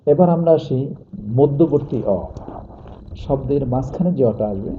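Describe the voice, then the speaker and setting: A male teacher giving a pronunciation lesson, slowly dictating and repeating example words. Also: medium pitch, a little hiss or hum. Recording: tinny phone-like sound.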